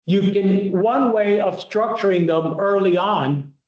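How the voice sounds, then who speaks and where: Male law lecturer, high-pitched, direct and repetitive coaching style; roomy, slightly muffled recording. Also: a little mellow. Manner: varies pace, slowing sharply for emphasis. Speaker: law lecturer coaching moot court students.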